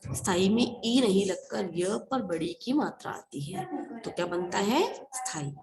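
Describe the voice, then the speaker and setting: A woman's voice: medium pitch, expressive, a little slow, creaky, crowd noise. A woman teaching an online school class, asking questions and then answering them herself as she goes through word lists. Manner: asks and answers her own questions while drilling words.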